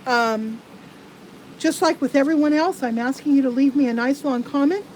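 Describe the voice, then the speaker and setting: A woman giving live tarot card readings to viewers. She talks in a halting, earnest way with many restarts. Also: high voice, darkish tone, slight background noise, poor audio.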